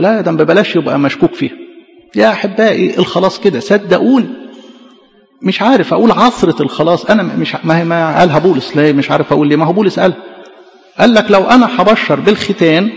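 A man with an Egyptian Arabic accent, a priest preaching a lively sermon full of rhetorical questions. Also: sits high, gravelly, big-room sound, dull audio.

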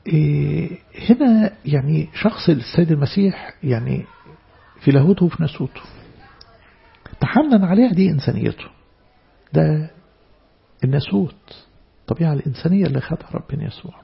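A man with an Egyptian Arabic accent preaching a church sermon, stressing words loudly and then dropping into soft asides. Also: fairly high pitch, expressive, brisk, gravelly, pauses often, breathy edge, dull audio. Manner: emphatic, swinging between loud stresses and soft asides.

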